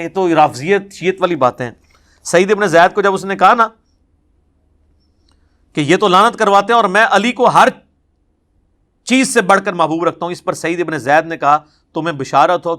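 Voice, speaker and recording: A man giving a religious lecture, telling narrations in an animated way and acting out the quoted speech. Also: sits high. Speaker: religious scholar.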